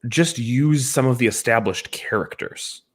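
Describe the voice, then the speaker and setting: A man co-hosts a casual podcast reviewing films, offering emphatic opinions and repeating points for stress. He speaks at medium pitch, a little slowly.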